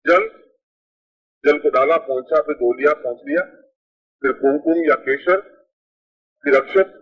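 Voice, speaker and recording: A husky, fairly high male voice speaks unhurriedly from a dull, worn 1980s tape. The speaker, a spiritual teacher, lays out ritual instructions one step at a time, plainly and methodically, going back over points for emphasis.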